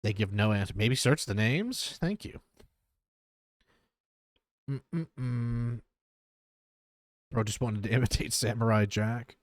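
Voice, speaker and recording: A man's voice: lowish voice, animated, moderate pace, hardly any pauses, no echo, clean studio sound. A young man streaming himself reacting to videos, giving blunt, joking, sarcastic asides in casual chat.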